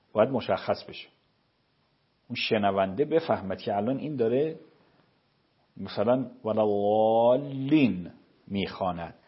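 A man, a cleric, answering listeners' religious questions in a measured, explanatory way and quoting scripture. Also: on the low side, slightly rough, dull audio. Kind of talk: explaining religious rulings on a show.

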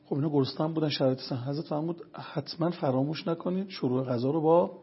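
Man, guest lecturer, gravelly fry, very raspy voice, earnest storytelling, lo-fi dull recording. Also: fairly high pitch. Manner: earnest, lays out points one by one. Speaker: religious health lecturer guest. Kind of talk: explanatory storytelling talk.

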